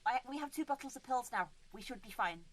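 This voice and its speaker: A woman's voice: a little high, animated, fast talker, background noise. A woman chatting casually while playing a game, hesitating often with fillers and restarts. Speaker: co-player. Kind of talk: casual gameplay chat.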